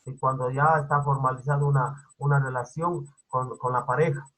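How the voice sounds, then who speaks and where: Over a video call, a male teacher runs an online class in a mid-range voice with fairly even intonation, at normal speed and slightly bright, on a low-quality recording. He repeats his points and keeps checking understanding with "¿sí?", in a repetitive, instructive manner.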